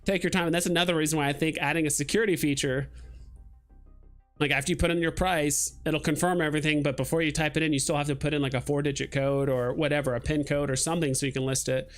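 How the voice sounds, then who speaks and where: A young man chats casually to his livestream viewers, rambling and dropping frequent fillers. His voice sits a little high for a man. Faint music plays underneath. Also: quick pace. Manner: rambling, relaxed, lots of fillers like "like" and "um". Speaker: livestream host.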